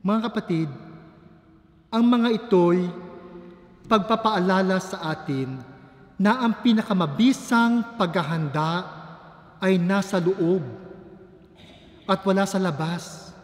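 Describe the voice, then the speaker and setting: Slow, high-voiced priest preaching in church. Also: male voice. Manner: deliberate, emphatic preaching. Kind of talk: sermon. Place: large church. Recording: echoey church hall.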